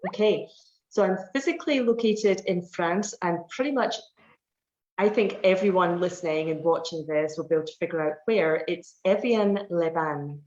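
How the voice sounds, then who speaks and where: A woman's voice: fairly low pitch, moderate pace, darkish tone. A Scottish woman in her forties, a personal trainer chatting in an interview, explaining at length with many fillers. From Scotland. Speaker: personal fitness trainer, guest. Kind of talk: casual interview answers. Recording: roomy, dull online call audio.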